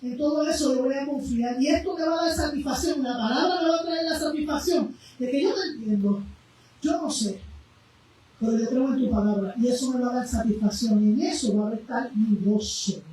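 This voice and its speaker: High-voiced woman preaching in echoey church. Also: brisk, recorded from a distance. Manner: impassioned, swinging between loud cries and quiet low passages. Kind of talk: sermon. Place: church sanctuary. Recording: very echoey room, voice from afar, faint noise.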